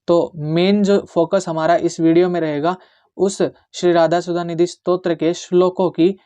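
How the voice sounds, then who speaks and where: A man giving a devotional lesson on how to pronounce Sanskrit verses. He explains plainly and then chants each line slowly, syllable by syllable. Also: fairly high pitch, a little mellow, dry recording. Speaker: Sanskrit recitation teacher.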